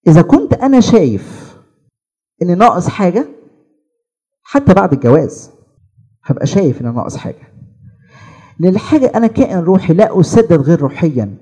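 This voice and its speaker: A man's voice: on the high side, dark tone, husky. A man with an Egyptian Arabic accent preaching a sermon, asking the listeners questions and answering them with rising emphasis.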